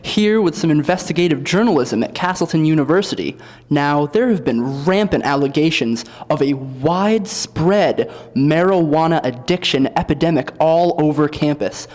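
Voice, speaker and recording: A stammering, clueless young campus reporter, as a man acts him out, delivering stiff news-anchor lines in a comedy sketch. His voice sits high for a man. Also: normal speed, darkish tone, natural voice. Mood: earnest.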